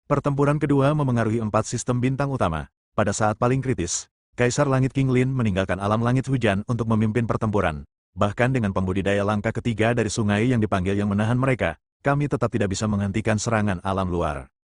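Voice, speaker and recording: A man voicing a wounded, deferential old male cultivator who reports in a steady, measured tone, close to his own voice. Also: fairly low pitch, no room sound, lightly acted. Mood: grave.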